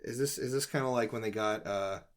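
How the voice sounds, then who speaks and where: A young man co-hosting a podcast, talking in excitable, rambling bursts in casual chat. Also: lowish voice. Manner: excitable, rambling, quick outbursts. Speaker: podcast co-host.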